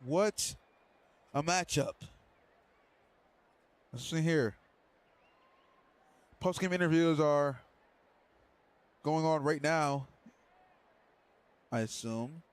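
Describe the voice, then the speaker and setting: A man calling a livestreamed online football game, doing excitable play-by-play with loose, rambling asides and then interviewing a player. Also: fairly high pitch, drawn-out words, pauses often, clear, resonant tone. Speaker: play-by-play commentator and stream host. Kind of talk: casual livestream sports commentary.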